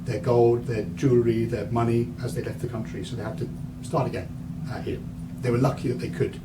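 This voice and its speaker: A man's voice: mid-range voice, little pitch movement, fairly quick. A man in his thirties giving a university lecture, rambling with many fillers and restarts. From England. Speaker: guest lecturer. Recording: distant mic, audible room noise.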